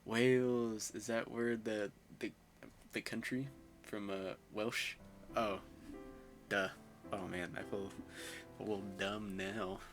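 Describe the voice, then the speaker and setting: A man's voice: lowish voice, flat delivery, slow, pauses often, over music. A young man playing a visual novel, reading the narration aloud and mixing in chatty, self-mocking asides. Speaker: gamer.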